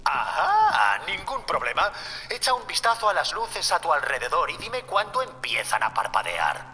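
A man's voice: high voice, huge pitch swings, moderate pace, sharp tone, full character voice. An actor playing a nervous, eager man in a video game, with a creepy, psychopath-like lilting delivery. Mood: eager, unsettling. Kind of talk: dramatic video game acting. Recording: hall reverb, faint ambient noise.

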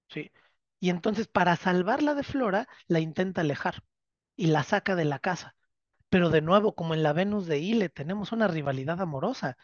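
A literature teacher lectures a course class, retelling the story with animated drama and tossing "right?" checks to the students. The recording sounds dull and lo-fi. It is bone-dry, with no room sound. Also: mid-range voice, no room sound. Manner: keeps checking understanding with tag questions.

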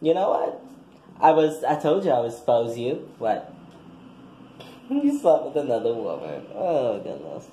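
A man's voice: medium pitch, very animated, a little slow, pauses often, dark tone, a little hiss or hum. A man voicing a brash, foul-mouthed young woman graduate giving a crude, combative speech in a comic skit. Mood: sassy. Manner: crude, combative, trash-talking. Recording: echoey room.

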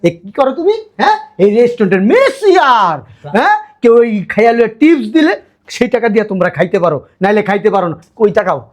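A middle-aged man playing an arrogant, foul-mouthed rich industrialist father who shouts insults and barks orders. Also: very high voice, big pitch swings, fast talker. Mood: furious.

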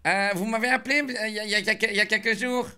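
Bright-voiced man playing it mock-polite. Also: sits high, fairly even intonation, rapid-fire. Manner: polite, mock-formal, teasing. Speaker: streamer playing a roleplay character. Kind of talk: roleplay phone calls.

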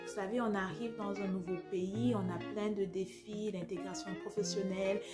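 A woman hosting her show, giving a lively, welcoming scripted intro from indoors at home. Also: mid-range voice, moderate pace. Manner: lively, welcoming presenter delivery. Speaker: show host. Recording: loud music underneath.

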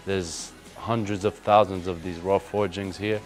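Touring a wheel factory for his vlog, a man in his thirties keeps things casual and hyped in easygoing street slang. His deep voice stays steady and unhurried. The setting is a large indoor factory floor, and background music plays.

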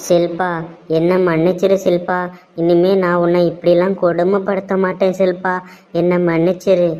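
Cartoon role: remorseful, scheming young man, played by a woman, Tirunelveli Tamil accent, low flat delivery. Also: normal speed, lightly acted. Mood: pleading. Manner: pleading, theatrical. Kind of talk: cartoon voice acting. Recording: dull lo-fi sound.

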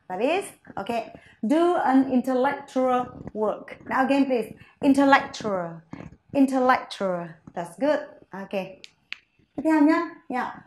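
A woman English teacher giving a vocabulary lesson, saying each word slowly for her students to repeat. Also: fairly high pitch, reverberant, slight background noise.

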